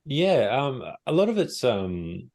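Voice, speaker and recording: A man's voice: mid-range voice, very animated, takes it slowly, a little mellow. A man from South Australia, an author, chatting casually, rambling and hesitant with repeated words. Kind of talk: casual chat.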